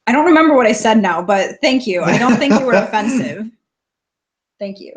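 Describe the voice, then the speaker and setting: A woman's voice: fairly high pitch, animated, fast talker. Young woman chatting on a live stream. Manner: plain-spoken, laughs often. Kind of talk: casual live stream chat, reading viewer questions.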